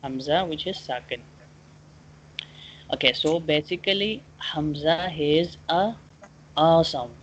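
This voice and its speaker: A Quran teacher giving a one-on-one online lesson, explaining and drilling pronunciation haltingly, repeating points and often checking understanding. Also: medium pitch. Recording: dull lo-fi online call, clear background noise.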